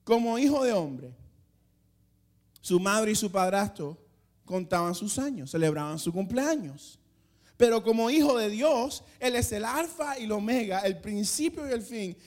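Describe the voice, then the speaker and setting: A man preaching a sermon, emphatic, with dramatic pauses and rising lines, stumbling a little when he speaks off the cuff. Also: high-pitched, a little mellow. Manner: some restarts and stammering when speaking off the cuff. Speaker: pastor.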